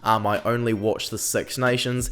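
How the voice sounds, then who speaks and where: A young New Zealander hosts a rugby analysis channel, delivering casual scripted commentary that's chatty, opinionated, and full of "um". He's still recovering from a cold, and his voice is medium-pitched, fairly bright, and flat in pitch, at a normal speed.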